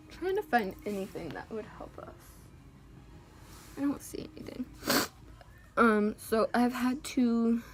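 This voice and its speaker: A woman talking casually to camera as a vlogger, hesitant, with many pauses and ums, at home. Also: medium pitch, slight background noise.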